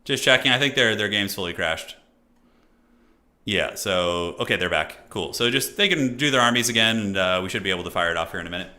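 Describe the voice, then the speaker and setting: A man's voice: lowish voice, expressive, fairly quick, pushed and bright. A man, chatting loosely with his live-stream audience and commentating a strategy game match, with lots of fillers and restarts. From United States. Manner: loose and chatty, many fillers and restarts, reads chat aloud. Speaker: streamer and caster.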